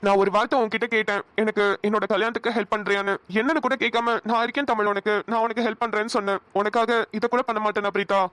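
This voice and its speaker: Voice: medium pitch, flat delivery, quick pace, few pauses, a bit bright, clear, resonant tone, no echo, natural voice. A voice actor playing Tamil, a helpful young man in a cartoon, who talks bluntly and teases. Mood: kind. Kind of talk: cartoon voice acting.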